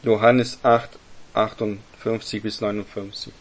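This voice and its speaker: Slow-speaking man leading a Bible study. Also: lowish voice, flat delivery. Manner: explains step by step, often ending with "ne?". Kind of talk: Bible teaching to a group.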